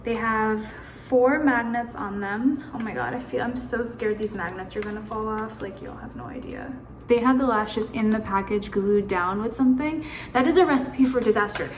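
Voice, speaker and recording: A woman's voice: on the high side, echoey room, slight background noise. A woman vlogging casually on a phone camera, anxious and rambling, swearing now and then. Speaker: beauty vlogger. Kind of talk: casual chat.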